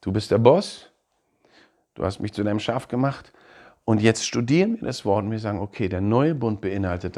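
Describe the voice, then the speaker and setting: Animated preacher man. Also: on the low side. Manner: animated preaching, laughs, acts out quoted voices. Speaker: pastor. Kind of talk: sermon.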